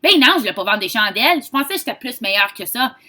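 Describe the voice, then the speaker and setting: A Franco-Ontarian woman from Ontario, Canada makes a casual sales pitch to camera as a sales consultant, her high, bright voice sing-song and quick. She's chatty and informal, slipping English words into her French.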